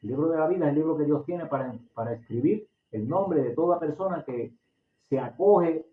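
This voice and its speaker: Male preacher, Puerto Rican accent, slightly high voice, passionate sermon delivery, echoey room. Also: brisk. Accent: Puerto Rican Spanish. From Puerto Rico. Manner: impassioned, repeats and restarts phrases. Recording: echoey, distant, phone-like audio.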